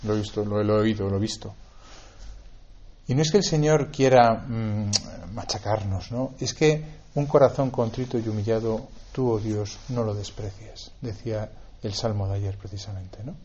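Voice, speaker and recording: A man's voice: on the low side, normal speed, mellow. A man from giving a conversational homily, with many tag questions and repeated words. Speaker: priest. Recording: dull lo-fi recording.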